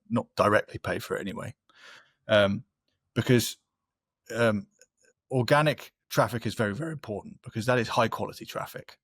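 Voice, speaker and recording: Sounding like a marketing expert on a webinar, a man with a mid-range voice explains things conversationally and often checks in with the listener. The recording is close and dry, with no echo and little sense of room.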